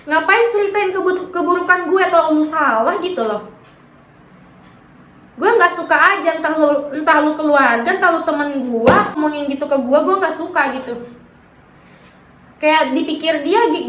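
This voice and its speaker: High-voiced young woman telling her story. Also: a bit bright, roomy sound, a little hiss or hum, low-quality recording. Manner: slangy Jakarta-style casual talk, defensive and emphatic. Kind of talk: personal storytime vlog.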